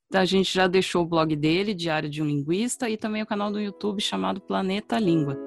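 A woman co-host closes the episode in a relaxed, casual way. Soft guitar music plays faintly behind her voice. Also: on the low side, vocal fry. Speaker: podcast co-host. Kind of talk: podcast outro.

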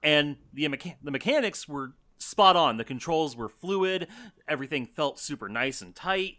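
A man co-hosting a casual podcast chat, blunt and animated, swearing freely. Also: fairly high pitch, normal speed.

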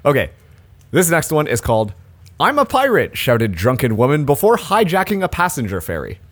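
A man's voice: mid-range voice, a little fast. A man co-hosting a casual comedy podcast, reading out odd news stories and laughing often. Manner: animated storyteller, laughs often. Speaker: podcast co-host.

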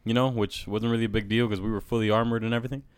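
Emphatic, talkative man with a lowish voice. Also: fairly even intonation, racing, clean tone, dry recording, clean studio sound. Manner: emphatic, talkative, says "bro" often. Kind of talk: casual conversational talk.

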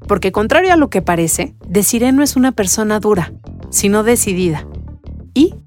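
A woman narrating a sports documentary in a measured, scripted delivery. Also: mid-range voice, expressive, a little mellow, soft background music.

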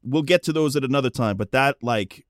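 A man co-hosting a podcast in casual chat, an animated storyteller who acts out the people he quotes. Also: mid-range voice, a little fast, dry recording, clean studio sound. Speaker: podcast co-host.

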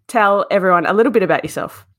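A woman's voice: mid-range voice, rapid-fire, a bit bright, no echo, clean studio sound. A woman in her twenties with an Australian accent, hosting a podcast in a casual, effusive, informal way. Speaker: podcast host. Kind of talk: casual chatty interviewing.

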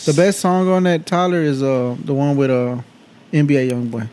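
A man's voice: on the high side, steady tone, normal speed, a little mellow, clear, resonant tone. A man in casual podcast banter as co-host, talking bluntly in profane slang with plenty of bro.

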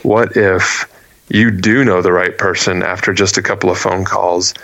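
Low-voiced man telling a story earnestly. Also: steady tone, moderate pace, fairly bright tone, no room sound, lo-fi sound. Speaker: guest. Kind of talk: storytelling in a casual interview.

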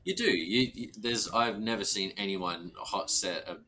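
A man with a very low yet bright, forceful voice. He talks shop casually as a blacksmith, in a halting way with repeated words. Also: slight background noise. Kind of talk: casual shop-talk chat.

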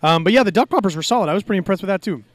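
A man co-hosting a podcast outdoors at a barbecue event, joking and rambling through loud asides in casual banter. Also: sits high, expressive, rapid-fire, no room sound. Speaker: podcast co-host.

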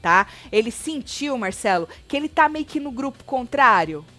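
A woman with a Brazilian accent co-hosting a casual web show, frank, slangy and animated as she gives her opinions. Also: on the high side, moderate pace, soft background music. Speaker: web TV co-host commenting on a reality show. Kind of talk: casual chat commentary.

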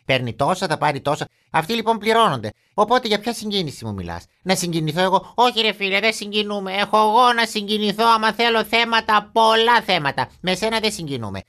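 A man playing a grumpy old grandfather who rants in a mock-indignant comic monologue, his voice swinging high and low. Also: animated, few pauses, bright, forceful tone, full character voice. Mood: grumbling. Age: older. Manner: mock-indignant grumbling with big pitch swings.

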